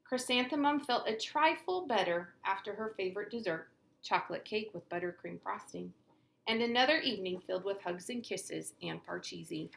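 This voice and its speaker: A female teacher reading a picture book aloud in an expressive storytelling manner. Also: mid-range voice, normal speed, creaky, reverberant, low-quality recording. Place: classroom.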